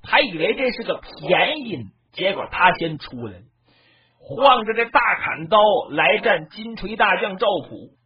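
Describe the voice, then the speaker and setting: A traditional storyteller narrating a battle tale dramatically, with shouted lines and mouth sound effects. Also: medium pitch, sing-song, moderate pace. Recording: dull lo-fi recording.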